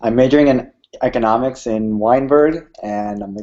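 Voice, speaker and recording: A man's voice: mid-range voice, normal speed, darkish tone. A young man from Illinois, a student peer advisor, chatting easily on a panel. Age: young adult. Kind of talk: casual panel chat. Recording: dull lo-fi audio.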